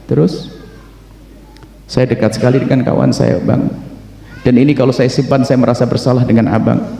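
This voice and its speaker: A man voicing a remorseful young wife who pleads softly and tearfully in a story within a sermon. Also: medium pitch, steady tone, normal speed, vocal fry, voice pushed down, lightly acted. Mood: pleading. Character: remorseful young wife confessing her past. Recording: echoey hall with long reverb.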